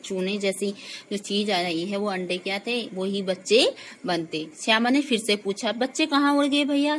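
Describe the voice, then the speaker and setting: A woman's voice: medium pitch, slight background noise, low-quality recording. A woman teacher reading and explaining a textbook story to her pupils in simple words, checking in with them, and acting out the characters' lines in a raised voice.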